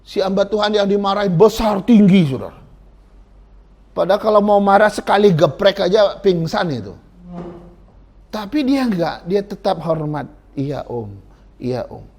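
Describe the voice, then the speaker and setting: A male pastor delivering a sermon in a church with a fairly high voice. His storytelling is dramatic, swinging between loud emphatic lines and quiet asides. He speaks straight to the congregation. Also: moderate pace, long pauses. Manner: dramatic storytelling, addresses listeners as brothers and sisters.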